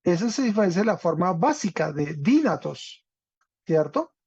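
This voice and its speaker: A man's voice: sits high, very animated, measured pace, a little mellow, breathy edge, dry recording. A man teaching a Greek class online, explaining step by step and often checking in with his students. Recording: dull, dry lo-fi audio.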